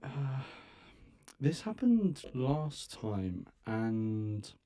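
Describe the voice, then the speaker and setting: A man's voice: medium pitch, big pitch swings, drawn-out words, warm tone. A man hosting a casual live stream, his voice coming through with a robotic, metallic glitch as he drifts on and off the mic while rocking.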